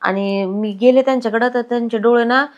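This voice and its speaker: A woman's voice: fairly high pitch, steady tone, a little fast, lo-fi sound. A woman, chatting worriedly as a daughter-in-law in a village sketch. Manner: chatty, worried, rustic dialect. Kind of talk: village comedy sketch acting.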